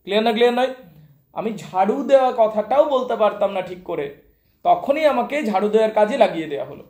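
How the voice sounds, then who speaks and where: A man's voice: high-pitched, animated, brisk, a little mellow. A male teacher in a classroom, going through a poem line by line, repeating each phrase and translating it for his students. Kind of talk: classroom poetry lesson. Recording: echoey room.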